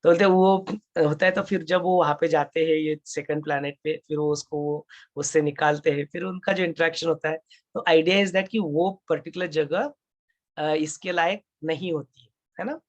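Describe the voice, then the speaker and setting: A man's voice: fairly high pitch, fairly even intonation, normal speed. A man explaining a film's plot to a discussion group, rambling between Hindi and English with many fillers and restarts. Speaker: spiritual study group speaker. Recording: dull lo-fi sound.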